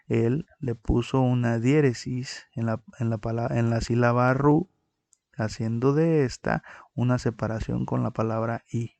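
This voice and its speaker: A man's voice: mid-range voice, gravelly, darkish tone, no echo. A man teaching a recorded lesson on poetic meter, explaining step by step and counting syllables aloud.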